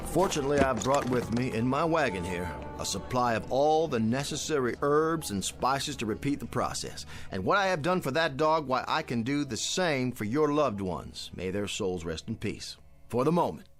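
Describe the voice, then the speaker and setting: A man acts out a florid Old West huckster in old radio show style. His delivery is grandiose and declamatory, with lively swings of pitch, over loud music. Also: moderate pace, close to an everyday voice. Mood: grandiose, persuasive. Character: smooth-talking theatrical male con man in the Old West. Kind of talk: old-time radio drama acting.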